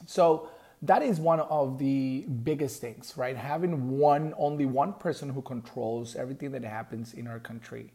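Man, Colombian Spanish accent, podcast host, mellow tone, earnest explainer, frequent fillers. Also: medium pitch, moderate pace. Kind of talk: solo political podcast commentary.

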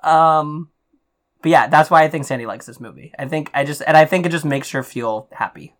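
A woman hosting a casual chat in an informal, halting, teasing way. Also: low-pitched. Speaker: podcast host.

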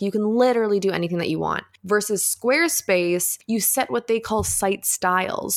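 A woman hosting a casual solo podcast, giving advice in an upbeat, tidy vlogger style with chatty, slangy informality. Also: on the low side. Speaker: podcast host.

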